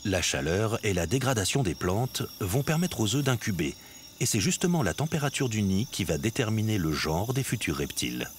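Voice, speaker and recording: A man's voice: on the low side, big pitch swings, normal speed, background noise. A man reading scripted nature documentary narration. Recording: music behind the voice.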